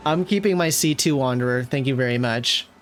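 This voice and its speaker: A game streamer with a brisk, mid-range voice gives casual livestream reaction commentary, gushing playfully over a video game as game music plays in the background.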